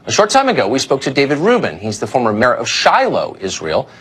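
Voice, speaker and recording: A man's voice: medium pitch, wildly swooping pitch, brisk, fairly bright tone, slightly rough, rough recording. A man hosting a cable news show, delivering emphatic commentary with rhetorical questions, then interviewing a guest.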